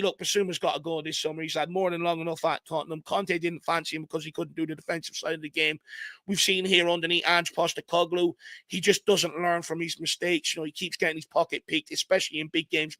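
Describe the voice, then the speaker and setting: A man's voice: a little high, fairly even intonation, a little fast, bright, forceful tone, no room sound. A man hosting a casual football live stream. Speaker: host.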